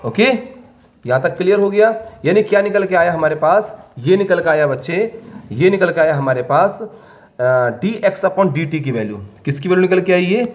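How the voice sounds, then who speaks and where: A man's voice: high voice, expressive, dull audio. A male maths teacher working through a problem on the board step by step, often checking that his students follow. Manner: dictates terms slowly, step by step. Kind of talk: whiteboard maths lesson.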